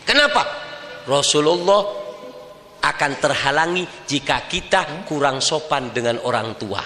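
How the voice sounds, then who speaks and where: A man with a Madurese accent preaching a lively sermon to a women's gathering. He talks emphatically and keeps asking the crowd rhetorical questions. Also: a little high, unhurried. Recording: echoey reverberant hall.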